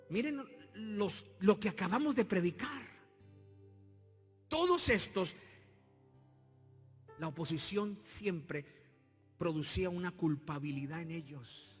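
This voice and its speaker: A man preaching as pastor, moving between quiet storytelling and loud, shouted exhortation. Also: sits high, expressive, takes it slowly, pauses often, breathy edge. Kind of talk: sermon. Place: church sanctuary. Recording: long hall reverb with soft music.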